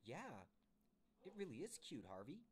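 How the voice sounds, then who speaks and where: A man's voice: on the high side, huge pitch swings, measured pace, slight background noise, voice pushed up. A man voicing a young schoolgirl who gushes and squeals over something cute. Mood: gushing. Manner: squealing, gushing. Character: gushing young schoolgirl, sweet and teasing.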